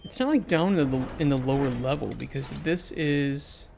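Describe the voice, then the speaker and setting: Male streamer, raspy gravelly tone at mid pitch, loose rambling chat with viewers. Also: normal speed, a little mellow, a little hiss or hum. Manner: mutters and swears while searching, rambling chat. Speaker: game streamer and indie developer. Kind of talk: casual gameplay commentary, chatting with viewers.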